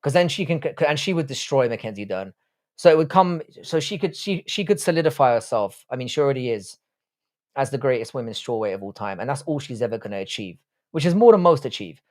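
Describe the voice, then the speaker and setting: With a medium-pitched, expressive, somewhat mellow voice, a man speaks fast while running a live stream. In his thirties, he's from Ireland, raised in southwest London, speaks with a London accent, and answers viewer comments bluntly, profanely and jokingly.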